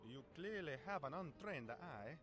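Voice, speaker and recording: A man's voice: fairly high pitch, lively intonation, normal speed, over music, natural voice. An actor with an Italian accent playing a fussy, urgent male art collector in a video game. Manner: theatrical, urgent pleading.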